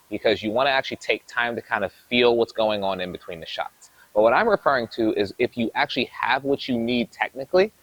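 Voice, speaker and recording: A man coaching tennis, explaining drills in an energetic, explanatory way while demonstrating on the court. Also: mid-range voice, no echo, low-quality recording. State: a little out of breath. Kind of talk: instructional coaching talk.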